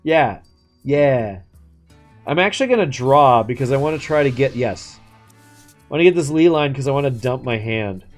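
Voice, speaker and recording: A man's voice: mid-range voice, animated, normal speed, faint music behind. A man live-streaming a game, chatting and commenting casually with slangy, sweary speech.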